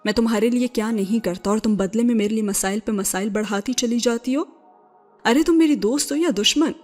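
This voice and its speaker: A woman voicing a curt, coldly angry grown man in a storybook reading, speaking flat and scolding. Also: mid-range voice, faint music behind, close to an everyday voice.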